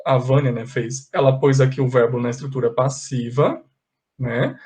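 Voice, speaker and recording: A man's voice: medium pitch, steady tone, normal speed, a little mellow. A man teaching an English class online, patiently correcting exercises step by step and slipping in English phrases.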